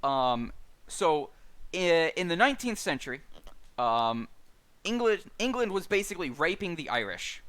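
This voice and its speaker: A man's voice: a little high, clean tone. A man hosting a streamed book club, reading a list of names and chatting casually with lots of fillers and dry asides. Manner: lively, halting with many fillers, dry asides. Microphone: streaming mic.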